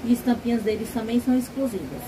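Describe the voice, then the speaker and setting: A woman seller from Ceará with a Ceará accent, briskly explaining sizes, fabrics and wholesale prices to a visitor. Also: fairly high pitch. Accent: Brazilian Portuguese, Ceará. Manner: brisk, matter-of-fact sales talk. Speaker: stall seller. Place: indoor clothing stall. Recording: noisy market floor.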